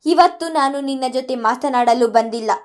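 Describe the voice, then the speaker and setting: A woman's voice: sits high, moderate pace, close to an everyday voice. A woman storyteller voicing a domineering mother who mocks the others and demands her daughter back. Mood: taunting. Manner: mocking, haughty.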